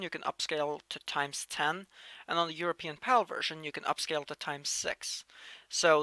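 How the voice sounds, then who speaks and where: A man's voice: on the high side, no room sound. A young man from Norway in his late teens, casually answering viewer questions as a channel host, with frequent restarts and bursts of emphasis. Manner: chatty, restarts phrases, lively shifts in loudness. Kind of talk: casual Q&A monologue.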